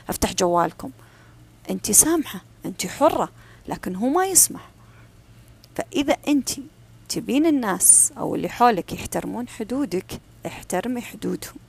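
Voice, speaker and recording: A woman giving a calm, firm advice talk. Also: mid-range voice, quick pace, gravelly, breathy edge. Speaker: self-help speaker. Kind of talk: advice talk on personal boundaries.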